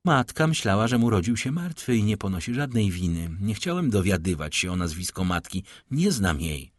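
A man's voice: on the low side, big pitch swings, moderate pace, no room sound, clean studio sound. A man reading an audiobook, voicing a young male defendant who speaks with bitter defiance.

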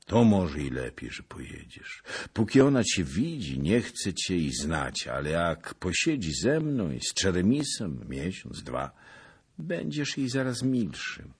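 A man's voice: very animated, measured pace, slightly rough, heavily acted. A man voicing a wild, wailing woman witch who chants and shrieks over a mill wheel. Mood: scolding. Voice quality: shrill, wailing incantations. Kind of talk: audiobook character voice.

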